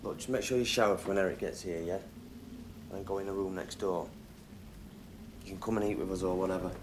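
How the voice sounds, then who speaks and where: An actor playing a curt, bossy young debt collector. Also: male voice, sits low, steady tone, brisk, background noise, close to an everyday voice.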